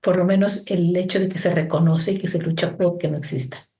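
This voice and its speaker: A middle-aged Mexican woman with a mellow, fairly low voice and a Mexican Spanish accent. She speaks as a reflective interview guest, often restarting and adding fillers while she finds her words. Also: fairly even intonation, fairly quick. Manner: thoughtful, many restarts and fillers. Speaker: guest, organization founder.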